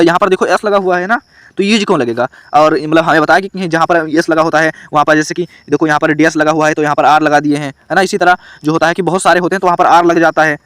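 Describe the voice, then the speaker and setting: Man with a Hindi accent, grammar teacher, explains step by step, quizzes students, slightly high voice, dry close sound. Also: a bit bright, dry recording. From India. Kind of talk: online grammar lesson.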